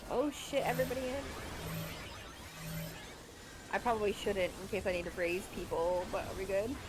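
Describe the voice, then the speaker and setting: A woman streaming an online game, chatting casually with a co-player, excitable and giggly with plenty of swearing. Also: mid-range voice, fast. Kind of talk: casual live gameplay chat. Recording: noisy stream audio.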